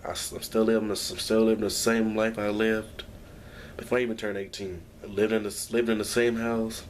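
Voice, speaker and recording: In a downbeat, rambling home vlog, a young man addresses his camera, sighing and restarting his sentences again and again. He talks briskly in a voice on the low side, with little pitch movement, over slight background noise.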